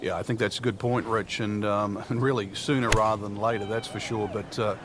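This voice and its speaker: A man's voice: fairly low pitch, steady tone, brisk, heavy background noise, lightly acted. A man playing an easygoing golf analyst, giving conversational colour commentary with plenty of ums. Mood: advising, conversational. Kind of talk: conversational golf commentary for a video game broadcast. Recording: music behind voice. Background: music.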